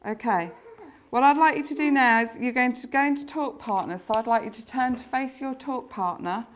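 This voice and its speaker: A woman's voice: fairly high pitch, fairly quick, noisy background. A woman with an English accent teaching a primary school class, encouraging and asking her pupils simple guiding questions. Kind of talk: classroom teaching to young children.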